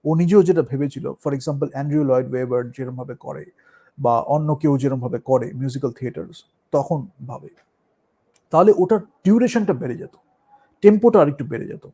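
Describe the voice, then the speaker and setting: A man with a Bengali accent, a musician and performer, talking in a casual, thoughtful way, slipping English phrases into his speech and pausing with fillers. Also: medium pitch, warm tone, breathy edge. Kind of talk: casual talk on art and performance.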